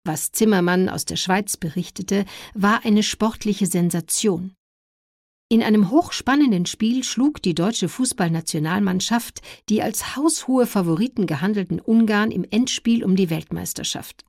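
A woman's voice: mid-range voice, normal speed, darkish tone, no echo, studio quality. A woman reading a scripted historical narration as a documentary narrator.

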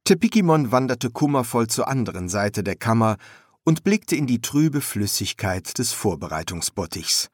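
A man reading an audiobook in a measured, expressive way. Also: medium pitch, dry recording, clean studio sound. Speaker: narrator. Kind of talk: audiobook narration.

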